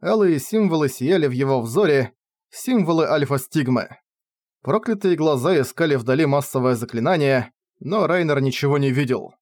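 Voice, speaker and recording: A male audiobook narrator telling a battle scene in a dramatic, measured way. His voice sits a little higher than most men's. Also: lively intonation, a little mellow, no echo. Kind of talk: scripted fantasy narration.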